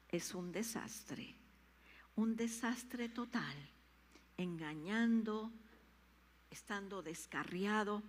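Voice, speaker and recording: A woman preacher voicing Jesus speaking to Saul, slow and solemn, in a reverberant hall. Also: mid-range voice.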